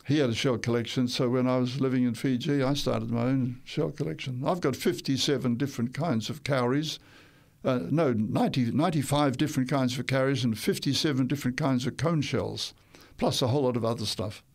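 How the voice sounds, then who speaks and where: Here a Tongan-raised older man, a guest on a radio program, recounts his past in a brisk, medium-pitched, slightly dark voice. His telling drifts a little, with false starts and self-corrections.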